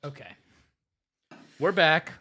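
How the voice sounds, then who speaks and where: A man's voice: a little high, slow pace, pushed and bright, slight background noise. A young man co-hosting a podcast in casual chat, with dry, teasing banter. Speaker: podcast co-host.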